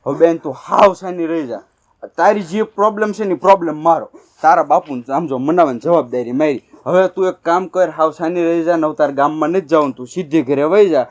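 A man plays a warm-hearted elder brother who gently coaxes and reassures. His voice is somewhat high for a man. Faint music runs underneath. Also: fairly quick, lightly acted. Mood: reassuring. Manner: reassuring, coaxing. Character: caring elder brother of the village girl. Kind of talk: village family drama acting.

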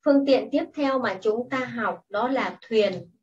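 A woman teacher speaks slowly and patiently, giving clear classroom instructions. Her voice sits a little high and comes from some distance off the mic. The sound is dull and muffled, with a faint hiss underneath. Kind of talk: slow, deliberate classroom instruction.

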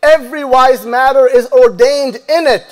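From the mosque pulpit, an imam in his thirties gives the Friday sermon in a high, clear voice and a measured preaching cadence. He speaks into a stand mic and also wears a lapel mic, reciting Arabic verses quickly and translating them slowly. Each phrase echoes with the prayer hall's long reverb.

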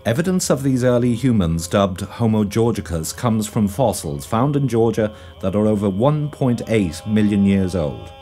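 Low, mellow male documentary narrator. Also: big pitch swings, moderate pace, hardly any pauses. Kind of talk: scripted narration. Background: faint music.

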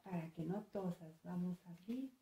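A woman voicing a caring little boy who protects his younger sister, speaking softly and reassuringly in a told story. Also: on the low side, normal speed, roomy sound, close to an everyday voice.

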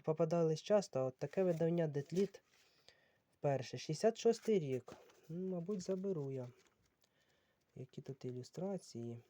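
Mellow unhurried man musing to camera. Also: mid-range voice. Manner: unhurried, musing, reads titles aloud. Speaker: book collector vlogger. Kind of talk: casual talk while sorting books.

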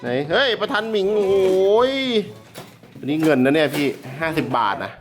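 A fairly high-voiced man hosts a casual vlog, excitable and quick to joke. He swears freely and keeps turning to talk straight to his viewers, with faint music behind him. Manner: excitable and coarse, joking with swear words. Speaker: YouTube host. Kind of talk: casual vlog while clearing out a house. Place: in and around a house.

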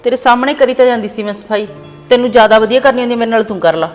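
A woman's voice: a little high, rapid-fire, reverberant, soft background music. A young woman playing an indignant, complaining daughter-in-law in a family skit.

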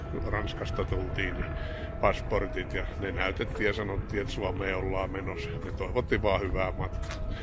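Older man chatting casually on a travel vlog. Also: on the low side. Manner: relaxed, chatty, rambling with fillers. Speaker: travel vlogger. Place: outdoors in a parking lot, then inside a shop. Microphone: handheld camera at arm's length.

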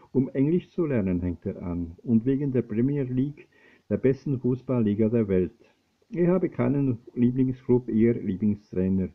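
A man reading a news feature aloud, steady but with frequent slips and restarts. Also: medium pitch. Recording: tinny phone-like lo-fi recording.

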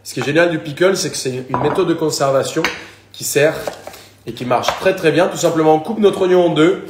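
Young Colombian-accented male chef, bit high-pitched, jokes with viewers live from a roomy kitchen. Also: darkish tone. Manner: chatty and joking, talks to viewers. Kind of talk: live cooking demonstration.

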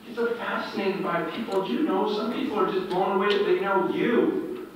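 A man preaching at a prayer breakfast in a conversational way, swinging between loud urgent emphasis and hushed, intimate tones. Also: high voice, normal speed, slight background noise. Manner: conversational, with fillers like "you know" and "man". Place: large event hall. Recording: echoey, distant, dull hall sound.

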